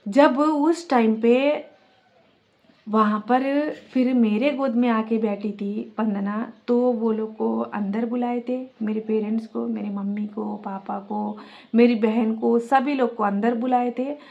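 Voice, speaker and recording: A woman with a somewhat high voice tells a personal story straight to her viewers in a casual, earnest way. She retells what each person said and calls her audience "guys." The sound is dull and lo-fi, missing the top end. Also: fairly even intonation, measured pace, creaky, darkish tone. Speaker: vlogger recounting a family dispute. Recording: dull lo-fi recording.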